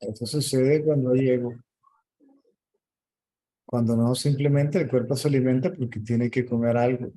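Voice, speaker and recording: Male spiritual teacher, very dark mellow voice, calm explainer. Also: medium pitch, normal speed, pauses often, rough recording. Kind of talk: answering questions in a meeting.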